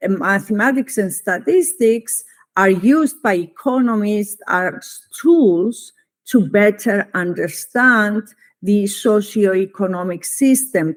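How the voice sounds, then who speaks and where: Her voice is mid-range, and her Greek Cypriot accent reflects her Cypriot origin and native Greek. This middle-aged woman is an economics professor being interviewed. She answers in a formal, deliberate academic style and pauses often.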